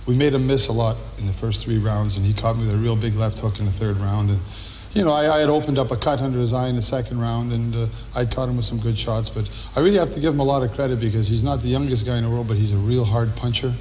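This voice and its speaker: A man in his thirties with a Canadian accent, a boxer giving a casual interview with frequent hesitant pauses. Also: medium pitch, a little mellow, rough recording. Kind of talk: casual pre-fight interview. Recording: clear background noise.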